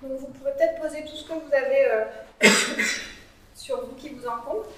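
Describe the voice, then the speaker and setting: With a high, fairly bright voice at normal speed, a female psychologist leads an interactive talk for a small audience in a cool meeting room. Her manner is conversational, peppered with "euh." She is far from the mic, and the room is very echoey.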